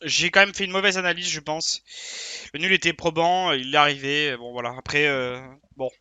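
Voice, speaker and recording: A man with a high voice and a very bright, piercing edge talks through a casual video debrief of his betting tips. He rambles and hesitates, stacking fillers and second-guessing himself in a frustrated tone. The sound is dry and close, with no room around it. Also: steady tone, normal speed, clear, resonant tone, dry recording. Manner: frustrated and self-questioning. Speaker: sports betting tipster.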